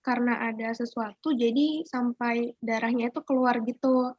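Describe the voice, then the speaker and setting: A female student with a fairly high voice asks a question, casual and rambling. Her audio comes through dull and dry, like lo-fi call sound. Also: steady tone, moderate pace, a little mellow, dry recording. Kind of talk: asking a question in online class.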